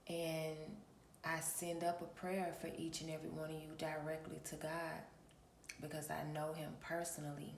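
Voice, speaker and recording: Early in the morning, a woman who hosts a channel as a spiritual reader addresses her viewers in a casual vlog. Her voice sits low and is gravelly and raspy from just waking up, and her flat, unhurried delivery has a preacher-like quality. She often pauses to clear her throat, and the room is echoey with a faint hiss in the background.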